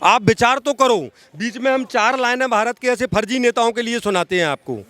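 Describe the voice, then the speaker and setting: Fairly quick and very high, a bit bright with no echo, this man's voice belongs to a social activist in a street interview. He speaks emphatically like an orator about politics, repeating phrases for stress.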